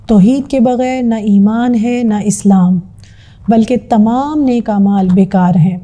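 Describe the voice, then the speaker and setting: Bright-voiced woman narrating formally. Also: a little high. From Pakistan. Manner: formal, measured and earnest. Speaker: narrator of an institute's course introduction. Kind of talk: scripted promotional narration.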